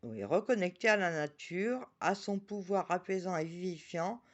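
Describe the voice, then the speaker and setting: A chatty woman presenting oracle cards on her channel, talking about herself in the third person and reading each card's message slowly. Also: on the low side, animated, muffled recording. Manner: reads card messages slowly.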